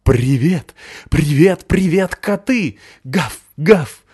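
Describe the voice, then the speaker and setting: A man voicing a loud, playful male malamute dog that shouts and barks with excitement. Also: a little high, a little slow, pitched above the performer's own voice. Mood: excited.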